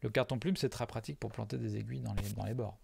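A man's voice: on the low side, steady tone, quick pace, vocal fry, darkish tone, breathy edge, no echo. A man casually commenting live on his own video, hesitant with lots of fillers and self-mocking jokes.

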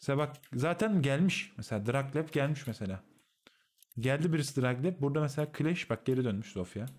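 A man's voice: medium pitch, animated, quick pace, a little mellow. A man streaming and explaining a game replay to his teammates, coaching in a casual, slangy way. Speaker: streamer analyzing a match replay.

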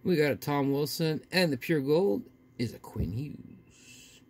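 A man with a gravelly voice giving casual, folksy unboxing commentary as a host talking to his viewers. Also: fairly high pitch, animated, unhurried, darkish tone. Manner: folksy, often addressing viewers. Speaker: host of a card pack opening video. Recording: faint noise with crinkling wrappers.

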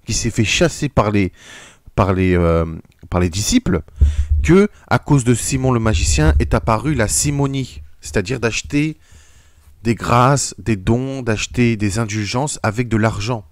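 A man's voice: fairly low pitch, animated, measured pace, dry recording, clean studio sound. A man preaching in an audio sermon, reading quotes aloud and reacting with indignant exclamations. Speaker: religious video preacher.

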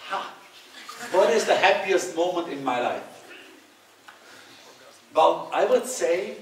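A man, giving a relaxed, conversational talk and taking audience questions over a headset mic in a large hall. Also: sits high, slow, far from the mic, a little hiss or hum. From Austria. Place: large bright hall with hard walls, indoors. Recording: echoey hall, speaker a bit off-mic.

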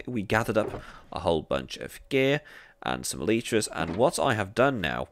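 A man's voice: deep voice, gravelly, a bit bright. A man hosting a gameplay video, chatting playfully and thinking aloud as he plays. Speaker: let's play host.

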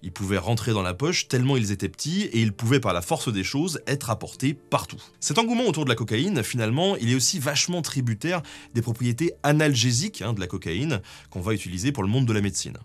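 A man's voice: medium pitch, very animated, fast, few pauses. A man explaining history in a casual, chatty way, often dropping in small fillers. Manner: chatty, with many fillers like "hein". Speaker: guest co-host.

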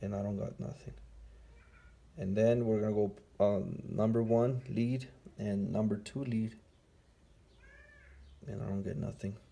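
In a hands-on repair tutorial, a mechanic working in a garage explains a car sensor test step by step in a casual way. His voice sits on the low side, gravelly and husky yet warm, with fairly even intonation, an unhurried pace and frequent pauses.

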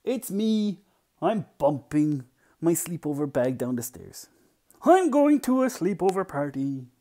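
A man's voice: on the high side, big pitch swings, mellow, voice pushed up. A man voicing a bossy, slightly smug older brother in a raised voice. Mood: boastful. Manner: brisk, dismissive.

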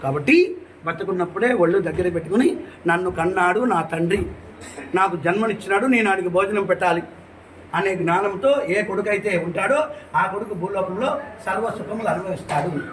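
Male priest, storytelling, lively, rhetorical questions, high voice, faint background noise. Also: a little fast, low-quality recording. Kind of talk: storytelling talk.

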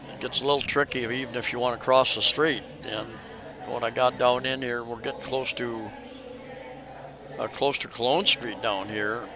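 A man narrating a casual walking tour outdoors, rambling with many hesitations and restarts, recorded on a camera mic as he walks. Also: mid-range voice. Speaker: travel vlogger. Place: outdoors on a crowded city street during a festival. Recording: loud street crowd around.

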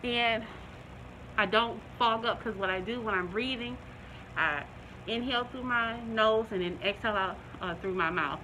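A middle-aged woman reviewing a product in a casual vlog, talking through a face mask, chatty and relaxed with many ums and restarts. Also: on the high side, moderate pace, a little hiss or hum, poor audio.

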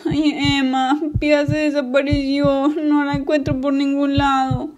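A woman's voice: high-pitched, level tone, unhurried, darkish tone. A woman voicing Hanna, a fretful young girl searching for her lost rabbit in a toy story play. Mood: sad. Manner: fretful, sighing "ay, no".

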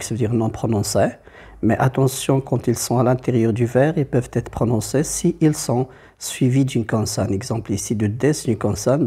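A man's voice: medium pitch, mellow, breathy edge. Patient man teaching poetry meter. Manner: patient, explains step by step, repeats key terms. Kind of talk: poetry lesson.

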